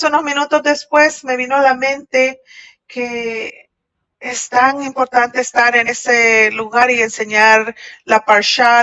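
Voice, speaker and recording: A woman voicing a Shabbat message in translation, halting at times and restarting. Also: a little high, sharp tone. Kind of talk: translated sermon voice-over. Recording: dull lo-fi audio.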